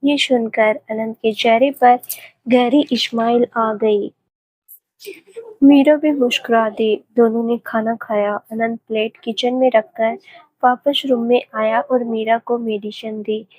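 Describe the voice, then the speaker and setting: A woman narrates a romance story with gentle, even storytelling. Her voice sits a little high and moves at a slow, unhurried pace, and the recording is close and dry with no room sound. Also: no room sound, low-quality recording.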